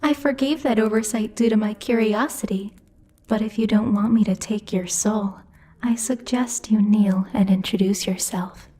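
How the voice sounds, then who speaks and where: A woman's voice: medium pitch, fairly even intonation, normal speed, dark tone, slight background noise, natural voice. A woman playing a bossy, haughty demon lord who teases and mocks imperiously in a theatrical ASMR roleplay. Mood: haughty, commanding. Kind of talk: ASMR roleplay, scripted character acting.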